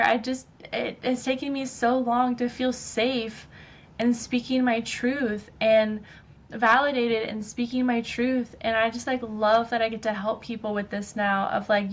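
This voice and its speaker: A woman's voice: on the high side, fairly even intonation, unhurried. A woman hosting her own show, talking casually and emphatically in a personal monologue, filling her speech with "like" and "um". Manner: chatty, fills speech with "like" and "um"; emphatic, ranting. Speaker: podcast host.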